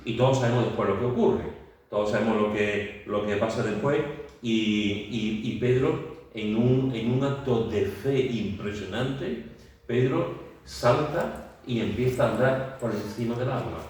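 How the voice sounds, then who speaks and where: A man's voice: medium pitch, a little slow. A man leading a Bible study, telling the story vividly with many fillers and restarts. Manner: vivid storytelling, acting out scenes with shouts and sound words. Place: church meeting room. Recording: very echoey room, mic far off.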